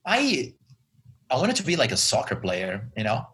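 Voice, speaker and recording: A man from Brazil, chatting as an interview guest in a relaxed way with many fillers. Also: mid-range voice, normal speed. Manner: relaxed, chatty, many ums and you-knows. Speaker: guest, advertising creative director. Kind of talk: interview conversation.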